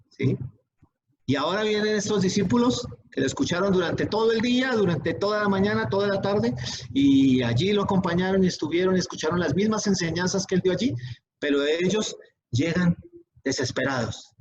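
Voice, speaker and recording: A man with a slightly high voice preaches a sermon in an emphatic style. He keeps checking in with his listeners and slows down to stress key words. The sound is dull and lo-fi, with a faint hiss underneath. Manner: repeats "¿sí?" to check in with the congregation; emphatic, rising on questions, slowing on key words. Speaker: pastor.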